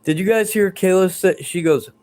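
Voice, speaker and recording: A man's voice: high voice, moderate pace, a little mellow, a little hiss or hum. A man hosting a live stream at home in his bedroom, chatting in a rambling, hesitant way with viewers and the spirits he says are near. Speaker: livestream host. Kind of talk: live paranormal stream chat.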